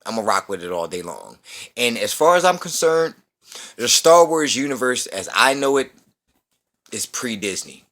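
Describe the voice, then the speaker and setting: A man's voice: medium pitch, sing-song, moderate pace, fairly bright tone. A man in his thirties ranting in a casual movie review, profane, slangy and repeating himself. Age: 30s. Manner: slangy street talk.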